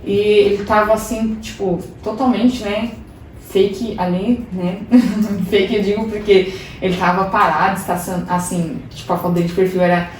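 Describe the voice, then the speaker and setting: Animated young woman telling her story. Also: mid-range voice, moderate pace. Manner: animated, laughing, self-deprecating storyteller. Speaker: podcast guest. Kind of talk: casual testimony storytelling. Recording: roomy echo, distant mic, faint hiss.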